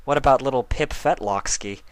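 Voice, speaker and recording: A man's voice: medium pitch, moderate pace, dry recording, pitched above the performer's own voice, natural voice. A man voicing a dignified elder pony princess with a proper, slightly huffy manner. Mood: stately.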